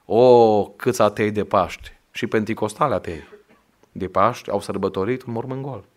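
Man, Romanian accent, preacher, sermon, conversational turning to loud emphatic exhortation. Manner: rises to loud, high-pitched emphatic preaching.

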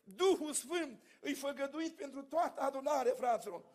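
A man's voice: very high voice, expressive. A preacher man. He tells his testimony in a storytelling way, then turns fervent and calls out to the congregation. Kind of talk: sermon with personal testimony.

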